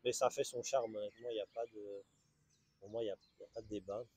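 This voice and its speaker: A man's voice: fairly low pitch, steady tone, quick pace, a little mellow, slightly rough. A man with a Belgian French accent, presenting a car in a casual, enthusiastic walkaround with frequent restarts. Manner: enthusiastic, chatty, hesitant restarts. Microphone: small camera-mounted mic.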